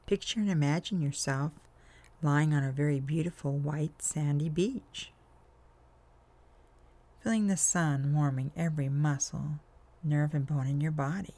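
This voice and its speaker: A man leading a guided hypnosis session, with slow, soothing, drawn-out phrasing that often falls to a soft whisper. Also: fairly high pitch.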